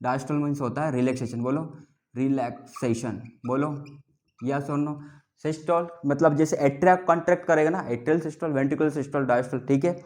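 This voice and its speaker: A male biology teacher giving a lively classroom lecture, drilling students to repeat terms back to him and teasing them playfully, mixing with terms. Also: on the high side, a little fast. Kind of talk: classroom lecture with call-and-response.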